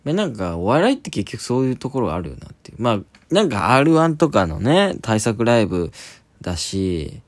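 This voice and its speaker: A man's voice: mid-range voice, very animated, fairly quick, dry recording. A young man, a comedian hosting a solo talk podcast, chatting casually and rambling with many fillers.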